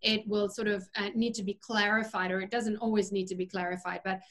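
An earnest woman speaks as a guest on a video call interview. She explains her views at length, opinionated and relaxed, with plenty of ums and uhs along the way. Her pitch sits in the middle. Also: brisk. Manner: earnest, opinionated, many fillers. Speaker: interview guest, vegan chef. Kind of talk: casual conversational interview.

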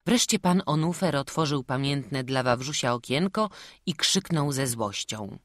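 Calm storyteller reading an audiobook, mid pitch, dry close mic. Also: dry recording. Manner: steady, measured storytelling. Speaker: audiobook narrator. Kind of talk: scripted narration.

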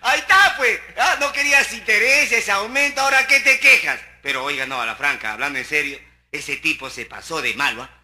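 A middle-aged man with a Peruvian Spanish accent, doing a loud, rowdy street comedy monologue and teasing his listeners. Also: on the high side, fairly quick. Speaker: stand-up comic.

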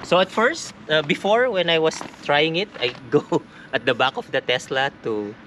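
A man in his forties casually demonstrating something in a vlog, talking haltingly with many fillers and restarts, recorded outdoors by a parked car on an action camera. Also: a little high, sing-song, background noise. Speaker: vlogger. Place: outdoors in a parking lot by a car.

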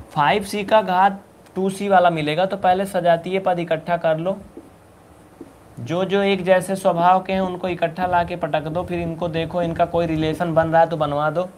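A man teaching a live online maths class, brisk and coaxing, urging students to answer quickly and scolding them playfully. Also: on the high side, slight background noise.

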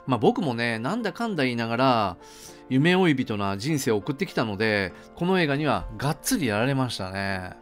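Man, middle-aged, casual film reviewer; lively, chatty delivery with faint music under it. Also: medium pitch, fairly quick. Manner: chatty, conversational asides, frequent fillers.

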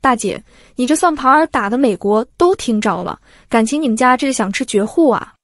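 A woman's voice: on the high side, animated, fairly quick, no echo, studio quality, natural voice. A woman doing a sarcastic female team leader. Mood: mocking.

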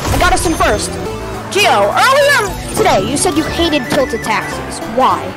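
High, lively female gamer, playful trash talk over game music. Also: unhurried. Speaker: gamer streaming with a friend. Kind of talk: excited gameplay chatter.

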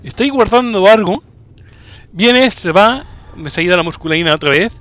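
A man from Spain, commentating a video game casually, teasing the enemy and breaking into excited shouts. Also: high voice, a little fast, no echo. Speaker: gameplay commentator. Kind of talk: casual let's-play commentary.

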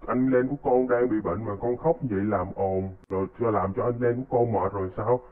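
Man playing an elderly village chief, fretful, scolding, lowish voice, tinny phone-like sound. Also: fairly quick, close to an everyday voice. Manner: scolding yet caring. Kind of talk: casual game role-play.

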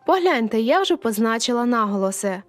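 A woman's voice: on the high side, big pitch swings, brisk, faint music behind. A woman teacher explaining poetic meter in a video lesson, addressing viewers directly and counting syllables aloud.

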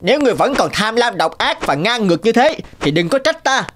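A woman's voice: a little high, big pitch swings, brisk, a little hiss or hum. A woman voicing a brave little male rooster in a cartoon, speaking boldly and scolding. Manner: bold, scolding.

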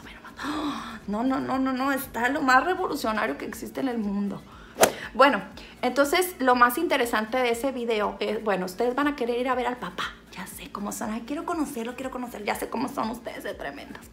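A vlogger from Sinaloa, Mexico, with a Sinaloan Mexican Spanish accent, chats playfully through a makeup tutorial. She teases, makes fun of herself and talks to an off-camera helper, her voice on the high side and gravelly.

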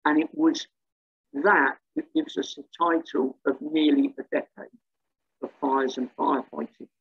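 Slow, husky man giving a history talk. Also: on the high side, phone-quality sound. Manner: hesitant, many ums and restarts. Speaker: museum talk speaker. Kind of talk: slide lecture on local history.

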